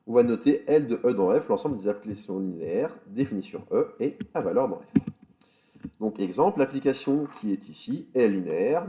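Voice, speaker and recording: Male math teacher, mellow tone, muffled recording, recorded lecture with fillers. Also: medium pitch. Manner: explanatory, with spoken fillers and self-corrections. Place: school in France.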